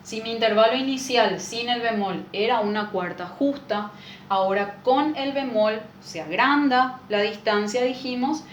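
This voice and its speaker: Music teacher lady, patient explaining, keeps asking "right?", echoey room. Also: mid-range voice. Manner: patient, explanatory, asks rhetorical questions with "¿verdad?". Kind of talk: explaining music theory lesson. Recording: echoey room with faint noise.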